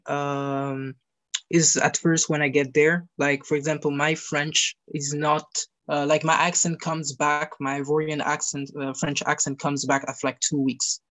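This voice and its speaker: A young Italian man, guesting in a casual interview, talks in a fairly bright, somewhat high voice. He pauses often and fills the gaps while hunting for words in a language that isn't his first.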